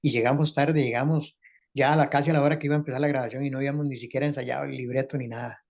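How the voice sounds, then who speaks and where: A man's voice: mid-range voice, steady tone, racing. An older man with a Costa Rican accent, a former radio actor who reminisces as a guest and rambles from one anecdote to the next with many restarts.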